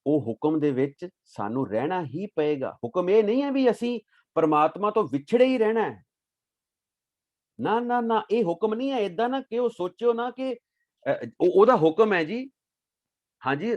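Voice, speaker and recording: A man giving a devotional talk on scripture, reciting verses slowly and then explaining them in a lively way. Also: high-pitched, no room sound, muffled recording. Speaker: Sikh scripture teacher.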